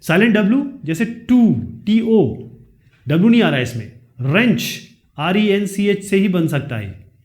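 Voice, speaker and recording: A man, teaching a lesson. He reads each question slowly, then explains the answer in quick chat. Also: high voice, expressive, a little mellow.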